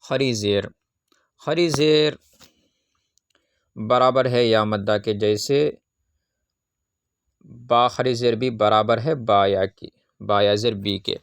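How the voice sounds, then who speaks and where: Male Quran reading teacher, gravelly voice, dry close sound, patient question-and-answer teaching. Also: fairly low pitch, steady tone, no room sound. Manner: patient, asks questions and answers them himself; drawn-out syllable recitation. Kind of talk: Qaida phonics lesson.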